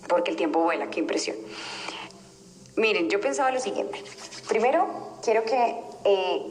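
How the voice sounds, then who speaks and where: A woman's voice: medium pitch, slight background noise. Colombian woman coaching live, echoey room. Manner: warm, conversational, reads viewer comments aloud. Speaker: coach hosting a live session. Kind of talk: casual talk on a live stream. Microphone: phone.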